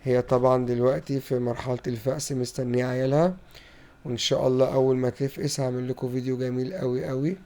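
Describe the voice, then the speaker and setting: A man with an Egyptian Arabic accent narrates a countryside farm vlog in a playful storytelling style. He talks quickly with fairly flat intonation. His tone is dark and mellow. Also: medium pitch. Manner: playful, acts out talks with animals. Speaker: vlogger.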